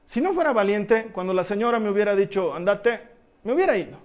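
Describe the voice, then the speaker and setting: Animated storytelling preacher, fairly high voice. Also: male voice, brisk, dull audio. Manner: animated storyteller who swings from hushed to loud; laughs often while he tells the story. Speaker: pastor. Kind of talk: storytelling sermon.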